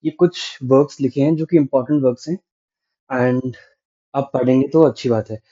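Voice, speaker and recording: A male literature teacher lectures in mixed Hindi and English, explaining step by step and often checking with the class. His voice is dark and mellow, and the recording sounds dull and lo-fi. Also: mid-range voice, fairly even intonation, moderate pace, slightly rough. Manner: explains patiently, checking in with 'right?'.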